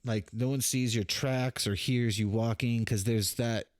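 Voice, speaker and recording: A man's voice: mid-range voice, fairly even intonation, unhurried, no room sound, clean studio sound. A young man as game master, narrating a tabletop scene in a rambling, hesitant way. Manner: rambling, hesitant, lots of fillers.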